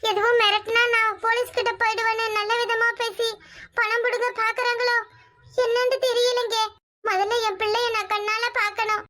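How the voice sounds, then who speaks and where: A woman's voice: extremely high pitch, flat delivery, moderate pace, bright, forceful tone. A woman voicing an anxious, pleading mother in a cartoon who is searching for her missing daughter. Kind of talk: cartoon voice acting.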